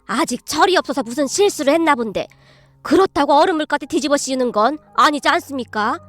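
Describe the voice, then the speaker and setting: A stern, blunt elderly grandmother, voiced by a woman narrator, speaking in formal, scolding Korean tones. Her voice sits fairly high. Quiet music hums behind her. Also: lively intonation, quick pace, no room sound. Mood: polite complaint.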